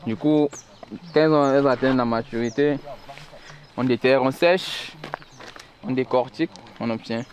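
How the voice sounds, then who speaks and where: Un homme qui explique patiemment les cultures dans des champs, en plein air. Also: male voice, medium pitch, moderate pace, pauses often. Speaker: local guide. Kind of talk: casual explaining outdoors. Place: rural fields outdoors.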